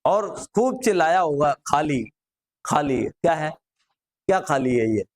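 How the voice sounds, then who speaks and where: A man's voice: on the high side, lively intonation, measured pace. A middle-aged man teaching a grammar class, drilling students with repeated rhetorical questions.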